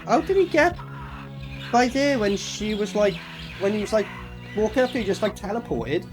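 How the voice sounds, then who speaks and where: A man's voice: sits high, lively intonation, normal speed, over music. Sweary, sarcastic man reviewing films. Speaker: horror film reviewer reacting while watching. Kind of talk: casual mocking film commentary.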